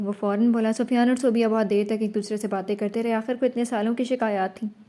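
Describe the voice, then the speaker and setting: Woman, novel narration, steady reading, mellow tone, fairly high pitch. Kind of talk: scripted narration of a romance novel.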